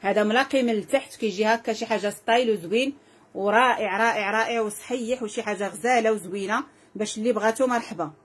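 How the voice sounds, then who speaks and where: Woman, Moroccan accent, live sales host, fast, husky, effusive. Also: fairly high pitch. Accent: Moroccan Arabic. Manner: effusive, repetitive, calls out prices and blessings to viewers.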